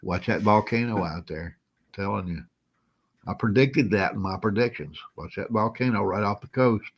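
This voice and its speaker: A man's voice: fairly low pitch, moderate pace. A man hosting a casual live stream, greeting viewers by name in a folksy, chuckling way while feeling a little unwell. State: feeling unwell, moving slow.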